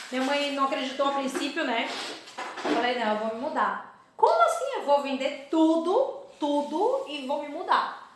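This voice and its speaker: A woman's voice: high-pitched, a little hiss or hum. Chatty woman in an echoey room. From Salvador, Bahia, Brazil. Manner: chatty, acts out her own past remarks in quoted lines. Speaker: dentist, interview guest. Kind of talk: casual interview storytelling.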